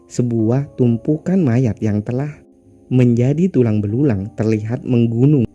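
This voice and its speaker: A man's voice: mid-range voice, a little slow, warm tone, lo-fi sound, soft background music. A man narrating a comic story recap casually, with explanatory asides to listeners.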